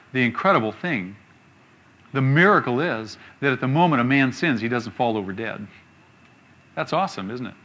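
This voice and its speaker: A man preaching a sermon, reading scripture slowly and asking rhetorical questions with emphasis. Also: a little high, pushed and bright.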